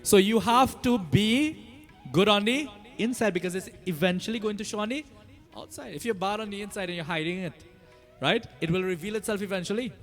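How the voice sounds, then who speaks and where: High-pitched Trinidadian man preaching. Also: fairly quick, soft background music. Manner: animated storytelling with rhetorical questions and "eh?" tags. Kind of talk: conversational sermon to devotees.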